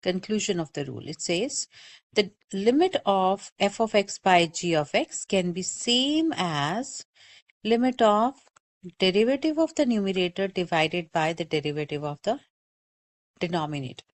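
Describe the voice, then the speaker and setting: A woman's voice: mid-range voice, expressive, moderate pace. A woman math teacher giving a recorded calculus lecture, explaining step by step and often checking in with "okay?". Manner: patient, repeats warnings, checks in with "okay?".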